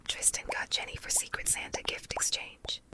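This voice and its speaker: Woman in a doubled, layered whisper. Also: normal speed. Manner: soft unvoiced whisper throughout. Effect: layered, doubled whisper track. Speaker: story narrator. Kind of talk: whispered ASMR story reading.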